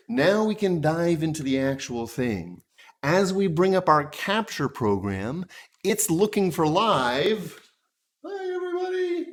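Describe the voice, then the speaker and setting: A man hosting a tutorial, patiently walking through software setup step by step. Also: fairly high pitch. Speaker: tutorial host.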